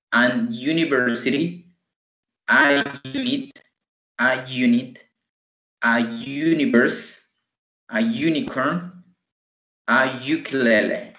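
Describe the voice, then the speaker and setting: A male teacher with a Salvadoran Spanish accent leads an online lesson, drawing words out slowly and repeating them in drills. His voice is bright and forward. It comes through a dull, echoey call recording. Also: medium pitch. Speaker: English teacher.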